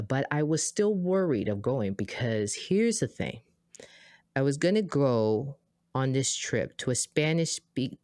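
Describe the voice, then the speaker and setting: This podcast co-host is a talkative American woman spinning a casual conversational story. She peppers it with fillers and side remarks and voices quoted lines with dramatic pitch jumps, captured with studio quality and no room sound.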